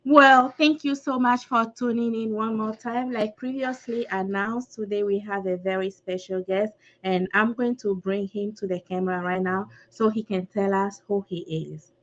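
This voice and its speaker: A woman hosting an interview show, asking questions in an encouraging, deliberate way. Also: mid-range voice, steady tone, a bit bright, lo-fi sound. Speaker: host. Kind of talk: podcast interview.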